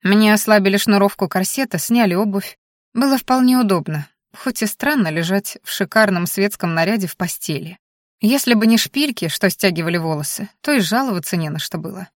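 Woman reading a first-person audiobook, lively and expressive, medium pitch, dry close mic. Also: brisk, dry recording. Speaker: audiobook narrator.

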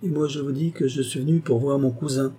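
A man's voice: mid-range voice, fairly even intonation, a little fast, warm tone, slight background noise, voice pushed up, natural voice. A man voicing a proud young heir who speaks curtly and firmly in a storybook reading. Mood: cold firm. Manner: curt, determined. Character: proud young male heir, cold and firm.

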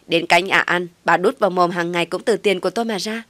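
A woman's voice: fairly low pitch, fast talker, a bit bright, no room sound, natural voice. A woman voicing a scheming young pregnant wife who snaps back and fakes begging. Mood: defiant. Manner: defiant, then whiny begging.

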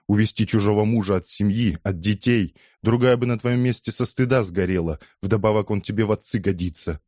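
A man reading an audiobook, voicing a furious, heavy-jawed middle-aged woman who shouts hoarse, spiteful abuse. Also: fairly low pitch, a little fast, no echo, clean studio sound, close to an everyday voice.

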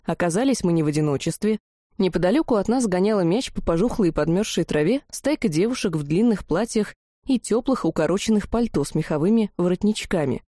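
A woman reading a fantasy audiobook in an even, measured way. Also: lowish voice, dry recording, studio quality. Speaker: audiobook narrator.

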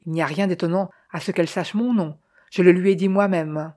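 A woman's voice: lowish voice, normal speed, husky. A woman reading an audiobook voices a proud male crime writer who speaks insolently and with cutting anger. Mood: indignant. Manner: insolent, sharp and heated.

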